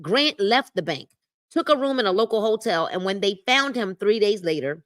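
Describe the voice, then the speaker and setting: A woman hosts a livestreamed book club on a stream mic, reading a self-help book aloud in a medium-pitched, animated voice at a moderate pace. She breaks in with emphatic commentary, repeats key phrases, and addresses viewers in the chat directly.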